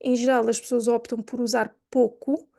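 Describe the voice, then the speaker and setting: A woman with a Lisbon accent explains a language point in a chatty, thinking-aloud way. Her voice sits a little high and sounds mellow, and the sound is dry and close. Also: level tone, moderate pace, gravelly, dry recording. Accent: Lisbon Portuguese. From Portugal. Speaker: language teacher. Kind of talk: explaining lesson to camera.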